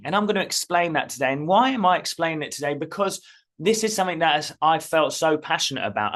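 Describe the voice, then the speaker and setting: A man's voice: on the high side, fairly bright tone. A middle-aged man hosting his own channel as a spiritual coach, talking earnestly and emphatically, often repeating phrases. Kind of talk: casual direct-to-camera talk.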